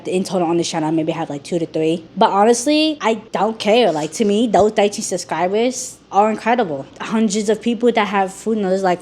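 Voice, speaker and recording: A woman talking frankly in a rambling personal vlog, her voice rough from being sick. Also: medium pitch, a little mellow. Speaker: YouTuber.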